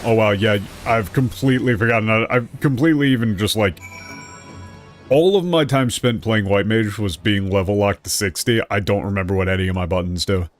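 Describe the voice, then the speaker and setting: Low-ish voiced guy streaming a game, chatty, thinking out loud, faint music behind. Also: fairly quick. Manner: chatty, thinking aloud, loosely paraphrasing dialogue. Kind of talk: casual let's-play commentary.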